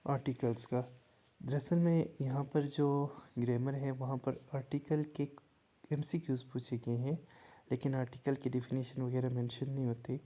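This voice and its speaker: A man's voice: medium pitch, steady tone, warm tone. A man from Pakistan, teaching an exam grammar lesson and explaining it step by step. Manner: explains step by step, reads English definitions slowly.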